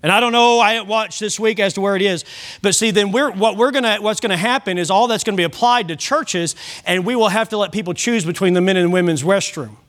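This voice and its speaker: A pastor with a notably high voice delivers a Sunday sermon in a church. He speaks earnestly and directly, and he often trips over a word and restarts it before pressing on. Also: fast, a bit bright. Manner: earnest preaching with repeated restarts.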